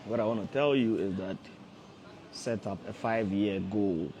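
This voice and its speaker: In his thirties, this forex trader coaches his livestream audience with a low, darkish voice at a measured pace. His casual motivational talk is repetitive and coaxing, aimed straight at viewers, with slight background noise behind it.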